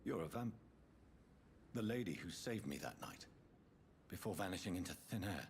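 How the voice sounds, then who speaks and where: A man's voice: sits low, lively intonation, moderate pace, a little hiss or hum. An actor playing a courteous, curious male doctor newly turned vampire who asks polite, precise questions. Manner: polite, formal, inquisitive. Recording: game audio with loud music underneath.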